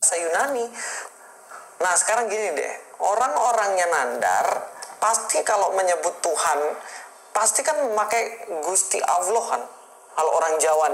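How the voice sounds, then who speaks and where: A woman's voice: medium pitch, animated, moderate pace, echoey room, slight background noise, rough recording. A woman explaining a point in an argument, scolding the person she is answering and addressing him directly.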